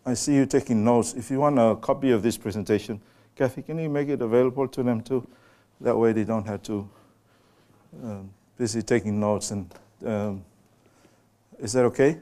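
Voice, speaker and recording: Speaking to a live crowd in a lecture room, this guest lecturer from Samoa delivers an unhurried public presentation. He has a warm, mid-range voice and puts questions straight to the audience.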